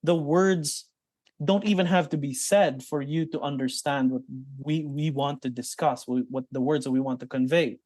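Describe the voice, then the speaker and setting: Speaking on the high side with a steady tone and moderate pace, a Filipino psychologist with a Filipino accent answers an interviewer's questions explanatorily. His voice is a little mellow, with no room sound. He comes from the Philippines, mixes in Tagalog terms and makes many restarts.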